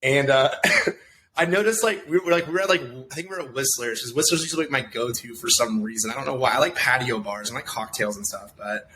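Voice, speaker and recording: Man in his thirties, podcast guest, rapid delivery, bright forceful tone, profane rambling storyteller. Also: medium pitch. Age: 30s. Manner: loose, profane, rambling with many fillers. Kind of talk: casual storytelling chat.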